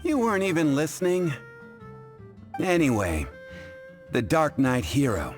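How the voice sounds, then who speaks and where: An actor playing a calm, dry male tavern bartender who speaks in a wry, measured way and chuckles, in game cutscene voice acting. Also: fairly high pitch. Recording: game audio with faint music.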